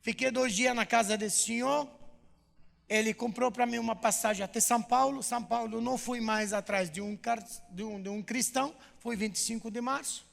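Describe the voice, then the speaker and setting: Male pastor, testimony storyteller, high pitch, bright forceful tone, long church reverb. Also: moderate pace, vocal fry. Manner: animated storytelling with acted dialogue. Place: church hall.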